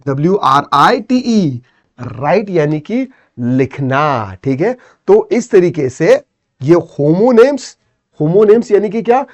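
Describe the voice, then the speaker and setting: A man's voice: on the high side, a little mellow. A man with an Indian English accent teaching an exam-prep lesson, explaining step by step and often checking "theek hai".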